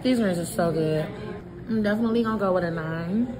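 A woman's voice: lowish voice, brisk, low-quality recording. A woman reviewing soul food in a casual chat, talking while chewing and savoring each bite. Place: busy restaurant. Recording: restaurant crowd chatter behind.

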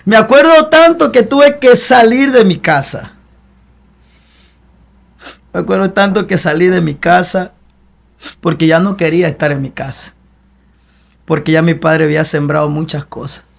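Casting: young man, high-pitched, earnest testimony voice, repeats himself like a preacher. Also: steady tone, normal speed, vocal fry, long pauses. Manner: earnest, repetitive, preacher-like cadence. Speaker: guest giving testimony. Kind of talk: emotional personal testimony.

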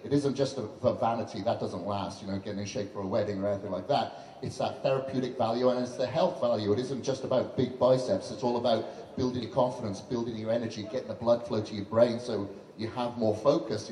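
A man's voice: mid-range voice, steady tone, brisk, mellow. Fitness guy in his 30s talking on stage, handheld mic, echoey hall, lots of "you know". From Western country. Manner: chatty, earnest, many fillers like "you know". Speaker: fitness trainer and guest speaker. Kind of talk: on-stage speech at a launch event. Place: large event hall on stage. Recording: roomy hall echo with faint background noise.

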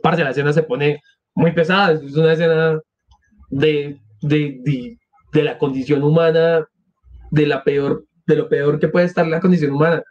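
A man's voice: on the high side, fairly even intonation, normal speed, darkish tone, dull audio. A man reading a novel aloud on a live stream, with casual asides. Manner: conversational, self-deprecating asides. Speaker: audiobook reader and streamer.

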